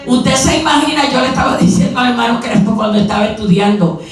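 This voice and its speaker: A woman preacher giving a sermon in a church, retelling a story with rhetorical questions and quick asides. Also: fairly high pitch, slight background noise. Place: church sanctuary. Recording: very echoey hall, mic far off.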